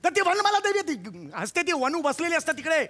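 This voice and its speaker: Brief: very high, lively male comic, indignant whine on a noisy stage. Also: brisk. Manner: whiny, indignant, mock-crying. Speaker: comedy sketch performer. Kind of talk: stage comedy sketch. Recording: stage audience and loud noise behind.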